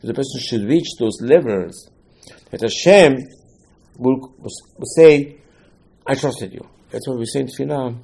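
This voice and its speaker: A man's voice: medium pitch, measured pace, gravelly, warm tone, breathy edge. A man teaching a Torah lesson, telling stories and acting out the dialogues with emphatic bursts. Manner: storytelling, acts out dialogues, rising to emphatic bursts.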